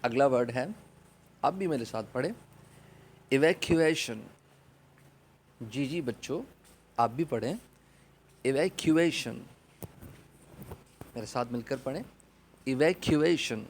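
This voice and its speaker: A man with a Pakistani accent teaching an online English class to children, saying each vocabulary word loudly and repeating it for them to copy. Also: medium pitch, slight background noise. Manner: opens with an Arabic prayer, then explains in Urdu.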